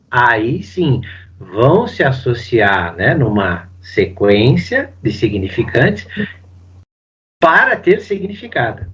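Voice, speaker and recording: A man, a psychoanalyst, giving a casual spoken seminar commentary, animated and full of fillers. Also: medium pitch, lo-fi sound. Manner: animated, uses lots of fillers and acts out quotes. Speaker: psychoanalyst teaching Lacan.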